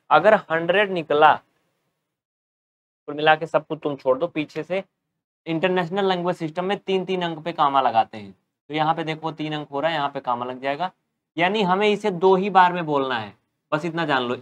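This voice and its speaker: A man giving a step-by-step maths lesson at a board, asking his students questions and answering them himself. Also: a little high. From North India. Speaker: teacher.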